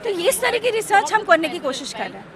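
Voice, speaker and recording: High-voiced woman professor amid a crowd. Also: very animated, fast talker. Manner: earnest, defensive, switches to English. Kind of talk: press statement to reporters. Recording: loud crowd behind.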